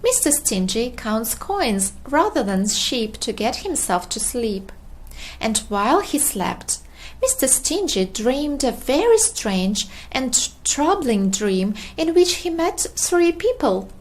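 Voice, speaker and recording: A woman narrates a children's storybook aloud, expressive and deliberate in her storytelling. Her voice is a little high.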